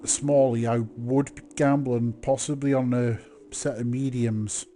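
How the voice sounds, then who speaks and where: Slow-paced male motorsport commentator over engine noise. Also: mid-range voice, fairly even intonation, warm tone. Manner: motorsport commentator calling the action, with drawn-out phrases. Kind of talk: live online sim racing commentary.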